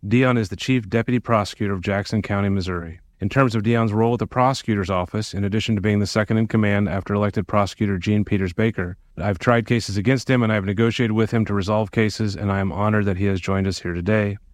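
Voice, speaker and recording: A man with a fairly low voice hosts the interview, reading a measured, thoughtful introduction before asking questions. His delivery is formal and steady, recorded close and dry. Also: no room sound. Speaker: podcast host, lawyer.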